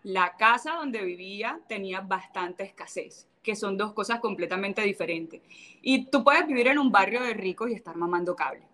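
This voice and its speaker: A woman's voice: medium pitch, lively intonation, moderate pace, fairly bright tone. A woman from Cartagena speaks with a Colombian Caribbean coast accent. She is a guest in a casual interview. Her talk is blunt and sassy, and she often slips into brief imitations of other people.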